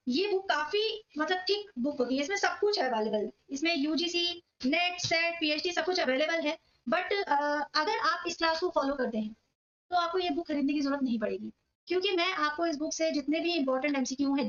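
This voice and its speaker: A woman's voice: high-pitched, fairly bright tone, dull audio. A woman teaching a Hindi exam-prep lesson, explaining step by step, checking in with her students, and reading English questions aloud word by word.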